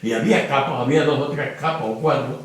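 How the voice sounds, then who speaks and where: A man's voice: mid-range voice, fast. A very old man from Spain giving documentary testimony, plain-spoken and often checking that the listener understands. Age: older. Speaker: interviewee. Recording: very echoey room.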